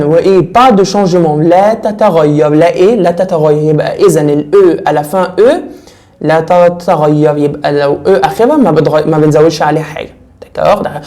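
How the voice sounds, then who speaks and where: A young man with an Egyptian Arabic accent teaching French grammar in a casual, lively way. He keeps repeating words and putting questions to his students. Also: on the high side. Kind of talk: casual classroom lesson.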